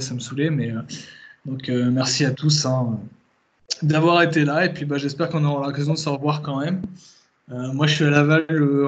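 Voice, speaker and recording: A young man chatting casually on a remote call, with a joking, teasing, colloquial way of talking. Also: mid-range voice. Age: young adult. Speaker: newly qualified doctoral candidate thanking attendees. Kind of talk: casual chat. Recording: muffled video call audio, faint noise.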